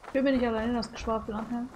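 High-voiced woman streaming a game. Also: flat delivery, racing, darkish tone, slight background noise. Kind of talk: casual live gaming commentary. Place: small indoor room at home.

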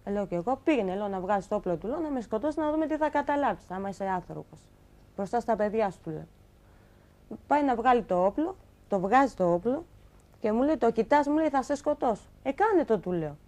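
Young woman, talk-show guest, animated storyteller who acts out quoted lines; fairly high voice. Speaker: guest telling her story. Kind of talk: emotional personal account on a talk show.

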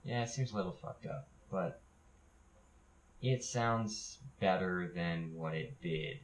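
A man's voice: low-pitched, takes it slowly. A young man vlogging casually from home, rambling and swearing with lots of restarts. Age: young adult. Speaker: gaming YouTuber. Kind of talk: casual vlog talk. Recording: echoey, dull lo-fi home recording.

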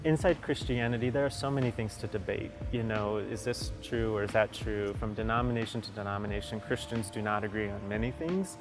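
A man's voice: fairly low pitch, a little fast, hardly any pauses. A man, a clinician, giving earnest, heartfelt interview answers with a few hesitations. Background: music.

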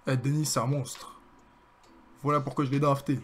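A young man with a French accent commentating his own basketball video game, excitable and joking as he hypes his plays. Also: medium pitch, moderate pace, slight background noise. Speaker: gaming streamer. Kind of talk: live gameplay commentary.

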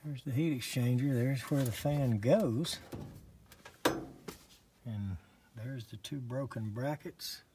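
Slow-talking HVAC tech vlogging. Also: male voice, medium pitch, warm tone, slight background noise. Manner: slow, plain-spoken, thinking aloud. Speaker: HVAC technician. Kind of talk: on-the-job vlog narration. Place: cramped crawl space under a house.

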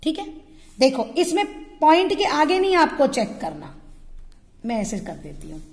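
A woman's voice: high-pitched, wildly swooping pitch, moderate pace, a little mellow, big-room sound. A woman math teacher explaining a lesson step by step, asking her students questions and answering them herself. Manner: patient, asks and answers her own questions. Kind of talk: classroom-style tutorial explaining at a board.

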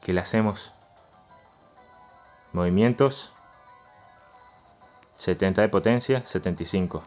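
A man hosting a let's-play, chanting and repeating words and swinging between low mutters and yells. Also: a little slow, muffled recording, faint music behind. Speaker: gaming channel host. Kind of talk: excited let's-play commentary.

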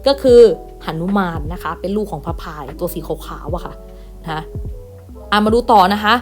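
A woman teacher giving an online lesson to primary pupils, reading words aloud one by one and gently repeating them. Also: on the low side, normal speed, faint music behind. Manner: patient, reads each word aloud and repeats with gentle "na kha" tags. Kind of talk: online class lesson, reading word lists.

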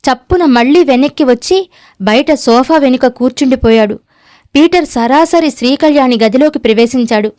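A woman's voice: high-pitched, normal speed, darkish tone, no echo, clean studio sound. A woman narrating a novel aloud, reading every character's lines herself in a near-natural voice. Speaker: audiobook narrator.

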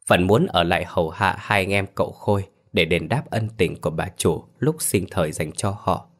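A man narrating a ghost story in a scripted, measured and grave manner. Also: low-pitched.

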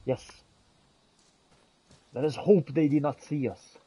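Role-playing as he streams a fantasy game, a man shifts between archaic, dramatic phrases and casual asides. His voice sits on the high side yet sounds dark and slightly rough, with fairly even intonation and a slow pace.

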